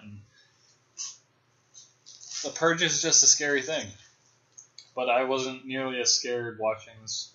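In roomy, dull lo-fi podcast audio, a young male host talks casually about movies, rambling, speculating, and using many fillers. His voice sits fairly low and sounds pushed and bright.

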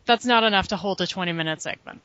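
A woman's voice: mid-range voice, fast, fairly bright tone, no echo, lo-fi sound. Dry sarcastic woman recapping. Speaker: podcast co-host recapping wrestling. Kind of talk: casual chat.

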